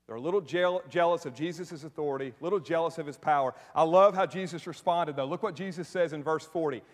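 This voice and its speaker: A male pastor with a high voice delivers a sermon at a quick pace in a church sanctuary, animated and joking, with frequent "right?" asides to the congregation. The recording carries the long reverb of a large hall.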